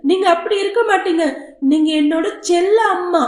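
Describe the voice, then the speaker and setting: A woman's voice: very high voice, steady tone, fairly quick, pitched above the performer's own voice. A woman voicing a small, stubborn and tearful boy who pleads in a whiny child voice. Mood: pleading. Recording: roomy echo.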